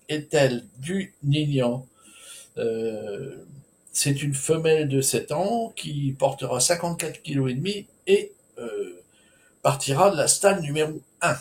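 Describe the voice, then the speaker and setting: A horse racing tipster gives a solo preview, going through a race's runners slowly and unhurriedly. His middle-pitched delivery is hesitant and informal, packed with filler sounds, restarts and offhand asides.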